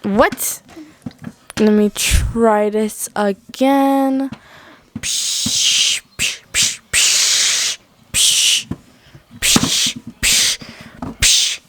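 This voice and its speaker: A gentle mom doll, voiced by a woman in a toy pretend-play story. Her voice sits high and she speaks slowly and kindly. She sounds like a mother checking on her kids. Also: lively intonation. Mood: flustered.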